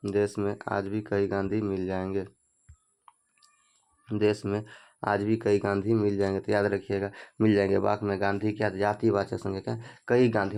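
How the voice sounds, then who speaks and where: A man's voice: lowish voice, a little mellow, smooth. A man coaching students for an exam, asking each question and repeating the answer for them to remember. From Bihar, India. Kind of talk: exam prep lesson.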